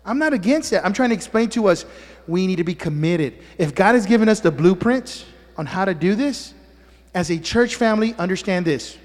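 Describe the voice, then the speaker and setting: With lively intonation and a fairly quick pace, a high-voiced man preaches in a church sanctuary where a long reverb tail lingers. The pastor, a native Spanish speaker, teases his congregation with asides and keeps asking "amen?"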